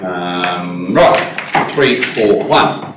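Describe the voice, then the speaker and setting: A man serving as mayor, chairing a council meeting in a measured way and moving through the agenda. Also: low-pitched, expressive. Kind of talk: formal meeting discussion. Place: large council chamber. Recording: echoey chamber, distant mic, noisy.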